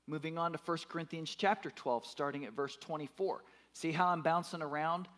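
A man's voice: a little high, brisk, a bit bright. A man in his fifties preaching a sermon, emphatic, repeating his words and putting questions to the congregation. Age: 50s. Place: church.

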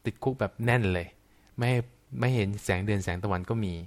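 A man, a Buddhist monk, explaining teachings on a radio talk show in plain, homely examples, gently addressing the host. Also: medium pitch, quick pace.

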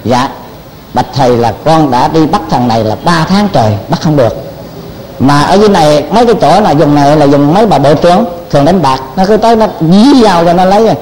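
A man's voice: fairly high pitch, animated, a little fast, a little mellow, slight background noise, lightly acted. An older man voicing a deferential middle-aged male police chief, speaking humbly and respectfully, in a long-echoing hall.

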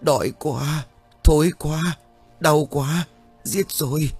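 A man voicing a wailing drowned ghost, broken hollow words, strained and high, ghost-story audiobook. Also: takes it slowly, darkish tone, breathy edge, faint music behind, full character voice. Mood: anguished wailing.

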